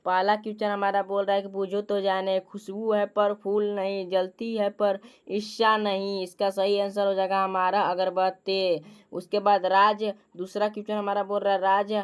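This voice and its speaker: Lady going thru quiz answers for kids, pretty flat delivery, smooth clear voice, keeps restarting. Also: medium pitch. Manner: repetitive, halting reading with restarts and fillers. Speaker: teacher presenting school assembly quiz. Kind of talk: reading quiz questions and answers for students.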